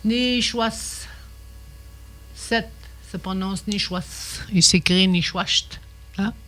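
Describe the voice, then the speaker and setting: An older woman, teaching a radio language lesson, slow and patient, repeating each word carefully. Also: medium pitch, steady tone, a bit bright, slight background noise.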